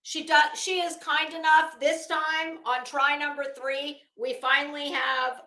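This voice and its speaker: Her voice is high, bright and forceful, kept level and measured as she reads through a document. This commentary show host interjects with incredulous sarcasm and casual profanity, all captured in an echoing room.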